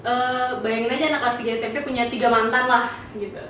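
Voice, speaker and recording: A woman in her twenties co-hosting a casual podcast, easygoing and quick to agree. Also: a little high, steady tone, a bit bright. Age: 20s. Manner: easygoing, agrees a lot with short replies. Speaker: podcast co-host. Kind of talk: casual chat. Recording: echoey room, far from mic, faint noise.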